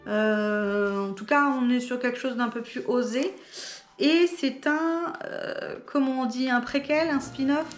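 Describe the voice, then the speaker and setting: A book vlogger with a fairly high voice chats casually about the books she bought in a book haul, hesitating often and using plenty of fillers. Her voice sounds reverberant.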